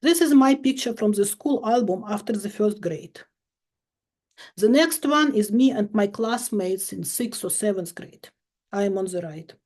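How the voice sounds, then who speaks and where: A woman in her fifties from Ukraine, a chemistry professor giving a measured, emphatic recorded lecture with dry irony. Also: mid-range voice, darkish tone.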